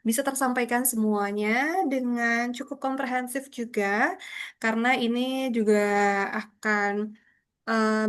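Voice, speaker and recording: A young woman lecturing a public speaking class over a video call, explaining patiently with frequent tag questions. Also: a little high. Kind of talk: online class instruction.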